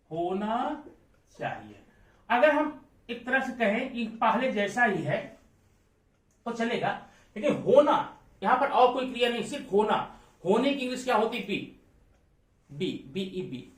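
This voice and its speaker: A man teaching English grammar in a classroom style, slowly drilling example sentences and quizzing his students with rhetorical questions. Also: very high voice, big pitch swings. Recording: roomy echo, mic set far off.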